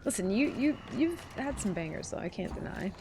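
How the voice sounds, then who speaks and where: A woman streaming a game live, chatting casually and playfully, with sudden yelps and squeals and voice cracks when something startles her. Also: on the high side. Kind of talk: casual live gameplay commentary. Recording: noisy live stream audio.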